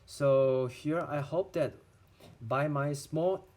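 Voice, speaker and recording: A young Chinese man, a medical student with a Chinese accent, explains a physiology lesson in a lecture-style explainer video, careful and halting as he answers his own questions. His voice is on the high side with a darkish tone.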